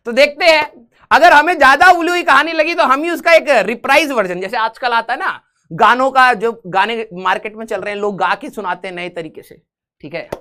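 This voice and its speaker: With a very high voice and a sharp tone, a man teaches physics live online, teasing his students playfully. Once he starts reading out questions, he shifts into English.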